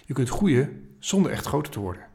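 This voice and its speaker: A kind old grandfather in a read-aloud children's story, as a male narrator puts him on. He speaks gently and patiently, caring and explaining things to his grandson. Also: mid-range voice, big pitch swings, a little fast, vocal fry. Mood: gentle.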